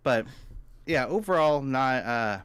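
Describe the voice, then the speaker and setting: A man co-hosting a movie podcast, chatting casually and rambling like an eager fan, his voice jumping up when excited. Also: slow, clear, resonant tone, no room sound. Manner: chatty, rambling fan with sudden pitch jumps. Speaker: podcast co-host.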